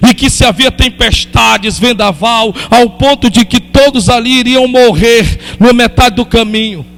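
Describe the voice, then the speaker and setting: Man, pastor, impassioned sermon, very high-pitched, fervent, loud exclamations.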